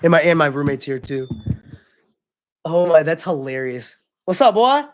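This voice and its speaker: A man's voice: a little high, expressive, normal speed. Rambling young man chatting on stream. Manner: loose, rambling, apologetic, slangy. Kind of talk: casual live-stream chat.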